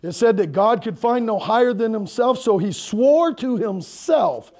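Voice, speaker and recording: A middle-aged male pastor delivers a conversational sermon in a church hall. His voice is pitched fairly high, yet it sounds dark and mellow, with a gravelly rasp running through it. He moves around as he talks and keeps asking the room questions. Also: lively intonation, unhurried. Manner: conversational preaching, asks the congregation questions; moves around and gestures while preaching. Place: church hall with a projection screen.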